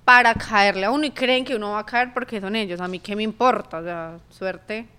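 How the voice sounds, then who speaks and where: A woman's voice: medium pitch, steady tone, a little fast, sharp tone, clear, resonant tone. A woman with a Colombian accent, a podcast guest chatting casually and playfully, laughing often. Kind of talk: casual chat.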